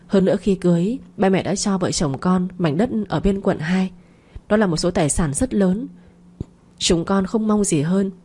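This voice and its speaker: A polite son-in-law thanks his family and humbly declines. A woman narrator reads him with a low, dark voice. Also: moderate pace, husky. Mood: humble. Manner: humble, courteous.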